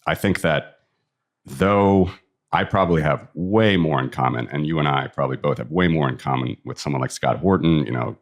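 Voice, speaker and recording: A man with a very deep voice and a Midwestern American accent speaks at normal speed. He's a guest in a casual interview, talking frankly about his strong opinions.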